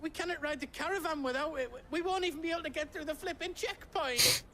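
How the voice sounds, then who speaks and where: Big hapless male trader, fantasy game; high-pitched, anxious, apologetic, flustered, noisy recording. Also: quick pace. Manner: flustered, colloquial, pleading. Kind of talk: fantasy video game acting.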